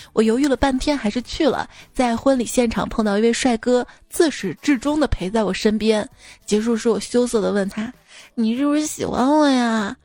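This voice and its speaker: A woman's voice: on the high side, gravelly, a little mellow, no echo. A young woman hosting a show, reading listener jokes aloud in a teasing, chatty way and laughing at her own punchlines. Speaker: radio-style host reading listener jokes. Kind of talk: playful joke-reading monologue.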